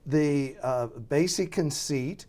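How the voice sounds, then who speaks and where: A fairly high-pitched American man with a warm tone answers interview questions as a radio drama producer. He speaks casually and haltingly, thinking aloud.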